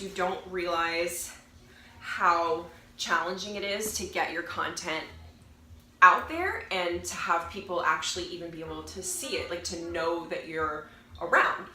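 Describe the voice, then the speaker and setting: A young woman getting over a cold talks to camera as a fitness vlogger, her low-sitting voice nasal and congested yet bright and forceful. She's chatty, rambling and keeps correcting herself. The recording has a roomy echo and faint noise.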